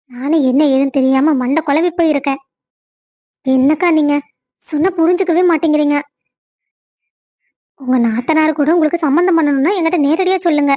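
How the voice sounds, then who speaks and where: A woman's voice: high-pitched, darkish tone. A woman voicing the women of a family cartoon story, one after another.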